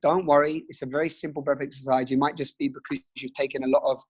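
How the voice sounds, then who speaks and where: A man leading a guided breathing exercise as a teacher, speaking in a gentle, reassuring way with pauses. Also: medium pitch, little pitch movement, breathy edge.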